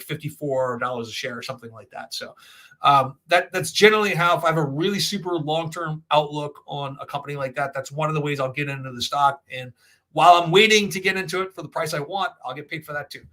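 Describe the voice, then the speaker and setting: A man's voice: on the high side, fast talker, bright, forceful tone. A man hosting a casual livestream, giving opinionated, rambling off-the-cuff commentary and often checking in with a tag question. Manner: opinionated, rambling, often tagging points with "right?". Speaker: host of a financial Q&A livestream.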